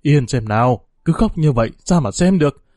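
A man's voice: medium pitch, animated, normal speed, warm tone, no echo, clean studio sound, close to an everyday voice. A man voicing a stern, weary village father who speaks in a firm, clipped way.

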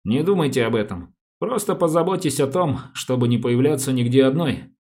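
A man voicing a calm, businesslike male police detective who asks polite, measured questions in an audiobook. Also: mid-range voice, natural voice. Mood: advising.

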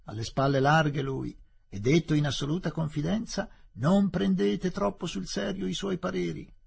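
A man's voice: on the low side, expressive, unhurried, dark tone. A man doing a sly, jovial old British doctor. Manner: mock-friendly, confiding.

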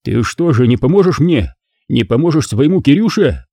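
A man's voice: mid-range voice, very animated, moderate pace, mellow, no echo, pitched above the performer's own voice. A man reading an audiobook voices a tied-up male crook who pleads and wheedles. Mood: desperate pleading.

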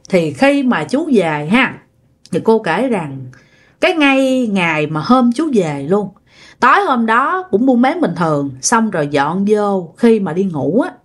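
A woman narrating a ghost story in a conversational way, speaking directly to her listeners. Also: mid-range voice.

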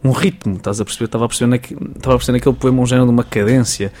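Man, European Portuguese accent, young adult, musician guest, quick, chatty, repetitive. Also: medium pitch. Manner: chatty, animated, repeats "estás a perceber". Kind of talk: casual radio interview.

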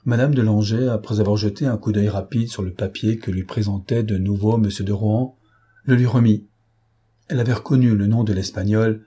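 A man narrating a novel as an audiobook reader, measured and even. His voice sits low with a dark, mellow tone and a slight husk. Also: breathy edge. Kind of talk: scripted literary narration.

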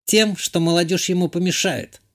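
A man's voice: sits high, fairly even intonation, moderate pace, pitched above the performer's own voice, close to an everyday voice. Man voicing a dry, wry baroness. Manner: dry, matter-of-fact, wry.

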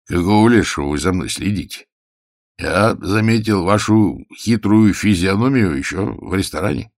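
A man voicing a strong, hot-tempered middle-aged painter who talks hoarsely and short of breath, in a rough, threatening way. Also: low voice, moderate pace, no room sound, clean studio sound. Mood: indignant.

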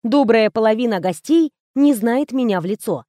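A woman narrating a first-person audiobook in a calm, wry storytelling manner. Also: fairly high pitch, moderate pace, dry recording, studio quality.

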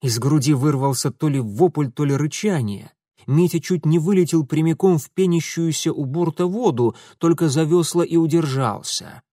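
A man's voice: fairly high pitch, moderate pace, mellow, no echo, studio quality. A man reading an adventure story aloud with dramatic, rhythmic storytelling. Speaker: audiobook narrator. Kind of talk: scripted audiobook narration.

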